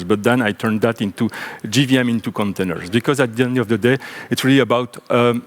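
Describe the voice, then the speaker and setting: A man from French-speaking Belgium with a French accent, giving a technical conference talk from a stage in a relaxed, joking way with many ums and restarts. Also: medium pitch. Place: large conference room on stage.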